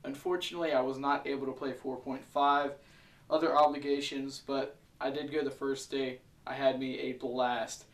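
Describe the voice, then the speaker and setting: A man's voice: mid-range voice, level tone, moderate pace. Echoey, distant man recapping his weekend. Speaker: video host. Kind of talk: casual vlog recap. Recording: echoey room, distant mic, faint music. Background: faint background music.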